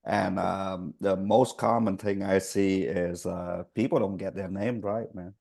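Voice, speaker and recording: A man hosting a casual podcast interview. His speech is halting, with restarts, and his grammar is slightly nonstandard. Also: deep voice, steady tone, vocal fry, a little mellow. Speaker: podcast host.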